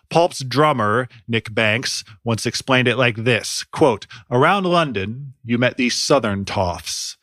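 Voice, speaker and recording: A man narrates a scripted music podcast in a dry, sardonic, wry manner. His voice sits at a middle pitch. The sound is dead dry and close, with no room at all. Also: fairly bright tone, dry recording. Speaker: podcast host.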